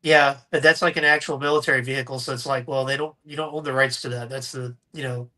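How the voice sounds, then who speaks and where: A man's voice: medium pitch, steady tone, fast, sharp tone. A man co-hosting a casual live stream about toys, rambling and joking with plenty of fillers and restarts. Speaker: co-host.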